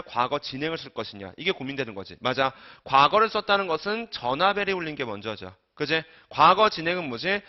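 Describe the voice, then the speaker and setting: Lively higher-voiced man teaching grammar. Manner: coaxing, asks and answers his own questions; trails off quietly at ends of phrases. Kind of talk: recorded online lecture. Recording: dull lo-fi lecture recording.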